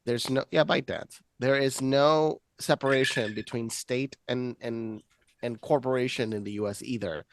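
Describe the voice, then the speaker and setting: A man arguing insistently and quickly in a casual podcast chat. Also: mid-range voice, fairly even intonation, dry recording. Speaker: podcast guest.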